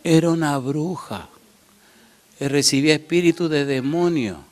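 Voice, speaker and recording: A man preaching, telling a lively personal story and acting out voices. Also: a little high, a little slow. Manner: animated storyteller, acts out voices, addresses listeners as friends. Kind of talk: sermon with a humorous personal story.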